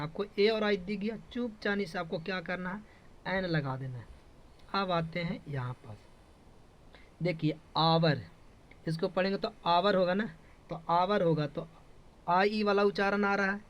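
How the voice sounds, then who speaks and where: High-voiced man drilling a grammar lesson. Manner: repetitive questioning, drilling students. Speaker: teacher. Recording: dull lo-fi classroom recording.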